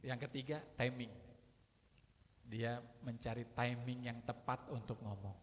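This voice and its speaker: A man giving a religious sermon in a relaxed, conversational way, acting out everyday quarrels as examples. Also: medium pitch, a little slow, dull audio. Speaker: preacher. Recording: long hall reverb.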